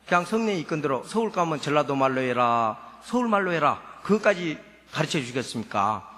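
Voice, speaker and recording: Bright high-voiced man with a Jeolla accent. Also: very animated, fairly quick, long reverb tail. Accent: Jeolla dialect. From Suncheon, South Jeolla, Korea. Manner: folksy, storytelling, playful dialect jokes. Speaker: church elder giving testimony. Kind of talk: humorous testimony at a church revival meeting.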